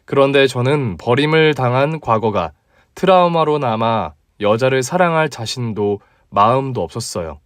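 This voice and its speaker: Low-key male narrator in his 30s, steady mid-range voice, dry close recording. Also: moderate pace, no room sound. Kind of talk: scripted story narration.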